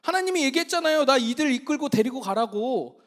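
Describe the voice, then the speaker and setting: A man's voice: high-pitched, very animated, a little fast. A male pastor voicing Moses, who pleads and whines insistently to God, refusing to go on without him. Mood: pleading.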